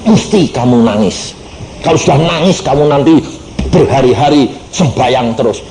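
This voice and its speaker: A man quoting a gentle mother who pleads with her son to stop arguing. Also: medium pitch, animated, moderate pace, roomy sound, noisy background, voice pushed up, natural voice. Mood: pleading.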